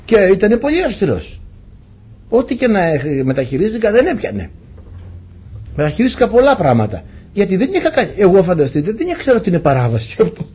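Husky, lively preacher. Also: male voice, high voice. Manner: animated storytelling, rhetorical questions to the congregation. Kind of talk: sermon with personal anecdote.

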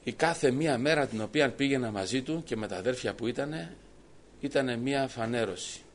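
A man's voice: medium pitch, a little hiss or hum. A man telling a personal story to his congregation as a sermon, quoting the dialogue at length. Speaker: preacher giving testimony. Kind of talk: sermon testimony.

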